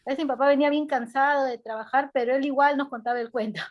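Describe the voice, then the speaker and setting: A woman's voice: high voice, steady tone, quick pace, dull audio. A woman student sharing a personal memory in class, chatty and reminiscing. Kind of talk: class comment, personal anecdote.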